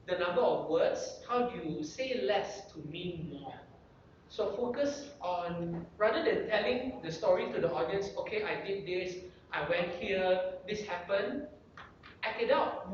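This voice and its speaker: Lively guest speaker, coaching style, rhetorical checklist questions, voice swinging up and down, heavy room echo. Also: medium pitch, a little hiss or hum. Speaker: guest speaker giving public speaking tips. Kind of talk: motivational speaking workshop talk. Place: club meeting room. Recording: very echoey room, distant dull lo-fi mic.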